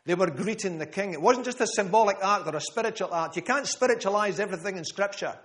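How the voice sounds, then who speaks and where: A man's voice: high-pitched, lively intonation, fast, a bit bright. A man preaching a sermon to a room, emphatic, repeating key phrases and calling on listeners by name. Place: church gathering room.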